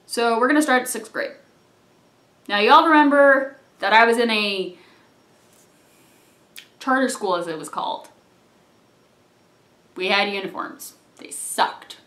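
A young adult vlogger with a mid-range voice recounts a personal story slowly, pausing often, from a couch in a small, echoey living room. A tripod camera a few feet away records the chatty, rambling telling, which trails off into mumbled asides.

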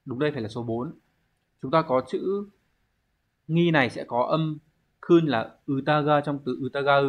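A man's voice: fairly high pitch, moderate pace. A man teaching an online exam-prep language lesson, explaining step by step and posing rhetorical questions to his students.

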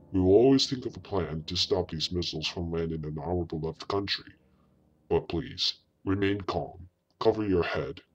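Over loud music, a man with a low voice delivers an emergency broadcast as a fleet commodore speaking to a nation under nuclear attack. His wartime address is grave, solemn and measured, and the audio is dull with slight background noise.

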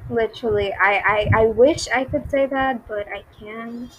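A woman's voice: fairly high pitch, measured pace, breathy edge, highs cut off. A young woman giving nervous game commentary, repeating herself and reacting to jump scares. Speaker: gaming YouTuber.

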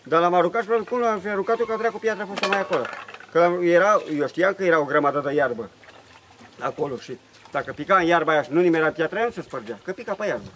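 A man's voice: high-pitched, fairly bright tone, a little hiss or hum. A man telling a rambling story in casual chat, swearing freely, repeating himself and restarting his sentences. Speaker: interviewee.

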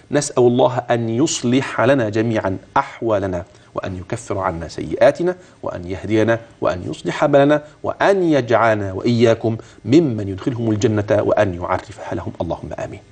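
A man teaching Quran recitation rules, explaining with animated speech and slowing down to chant verses as examples. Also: medium pitch, breathy edge. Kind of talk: tajweed lesson with recited demonstrations.

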